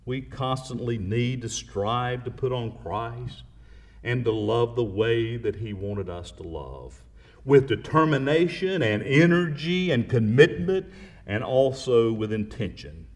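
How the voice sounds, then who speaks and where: Man, pastor, sermon, slow delivery, emphatic rises, hushed low asides. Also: animated. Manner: emphatic preaching, swings between loud rises and quiet low asides.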